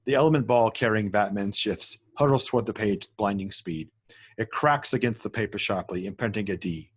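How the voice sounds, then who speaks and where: At a screenplay table read, a male narrator delivers the headings and action lines exactly as written, sometimes stumbling and self-correcting. He has a lowish voice with a breathy edge and reads fairly quickly.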